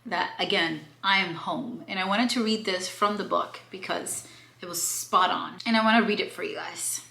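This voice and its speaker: A woman's voice: fairly low pitch, normal speed, creaky, sharp tone. A woman in her late twenties from Cuba, talking candidly in a casual vlog book review and slipping in playful slang. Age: 20s. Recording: roomy echo.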